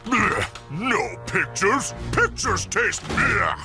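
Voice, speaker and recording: An actor voicing a dim-witted, childlike hulking male brute in a cartoon, speaking in broken caveman grammar with loud boasts. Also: high-pitched, big pitch swings, very slow, gravelly, full character voice. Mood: greedy. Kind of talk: cartoon voice acting. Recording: cartoon soundtrack with loud music.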